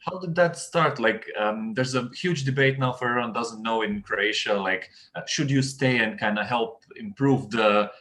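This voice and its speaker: A man hosting a podcast, chatting casually and relaxed with many ums and uhs. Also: medium pitch, moderate pace, few pauses. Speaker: podcast host. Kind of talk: casual conversation.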